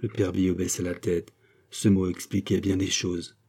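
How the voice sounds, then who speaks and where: Narrateur à voix sombre et voilée. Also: male voice, sits low, level tone, mellow, breathy edge. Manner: measured, dramatic reading. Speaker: audiobook narrator. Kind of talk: scripted narration.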